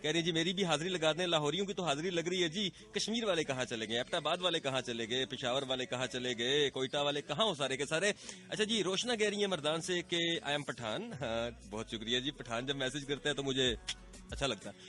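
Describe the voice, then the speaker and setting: A man with a Pakistani accent hosts late-night radio, playfully and teasingly reading listener messages in a chatty way. His voice is a little high, a little fast, and sharp, with his throat slightly sore. The broadcast has a faint music bed beneath.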